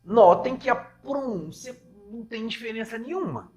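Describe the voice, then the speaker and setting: A Brazilian-accented man leads an exam-prep Spanish lesson in a lively voice that swings up and down. He explains each point patiently and keeps checking that the class is following before he moves on. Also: very high-pitched, normal speed. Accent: Brazilian Portuguese. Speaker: Spanish teacher.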